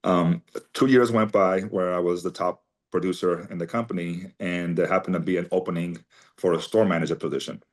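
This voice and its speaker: A company CEO from Armenia, a man in his forties, appears as an interview guest and tells long personal stories in a chatty, conversational way, packed with fillers. His voice is deep and fairly quick, with fairly even intonation.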